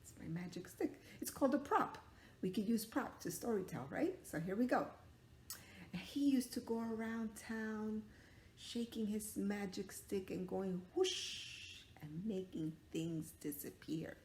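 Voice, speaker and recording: A woman with a medium-pitched, darkish voice reads to young children at a measured pace, teacher-style, asking them encouraging questions and performing small sound effects. There's a roomy echo and noticeable background noise.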